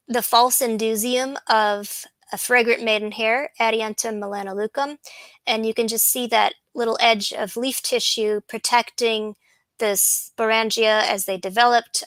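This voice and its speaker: A woman botanist talks through her slides at an easy pace, often pausing with an um or starting a sentence over. Her voice sits a little high. The recording is dry and close, with no room sound. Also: a bit bright, dry recording, poor audio. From USA. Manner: unhurried, with frequent ums and restarts. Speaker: botanist giving a presentation. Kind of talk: slide lecture, casual.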